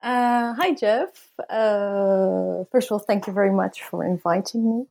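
A woman in her late thirties with a gravelly, creaky voice. She is from the Netherlands and is a native Dutch speaker talking in English. She answers interview questions thoughtfully, hesitating often with fillers and laughing easily. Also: mid-range voice, a little slow, a little mellow. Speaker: anthropologist, guest.

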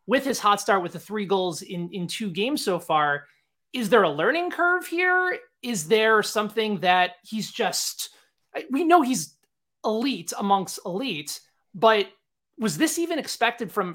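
Bright-voiced sports show host. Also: male voice, sits high, very animated, moderate pace. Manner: conversational, with many fillers. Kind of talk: interview questions.

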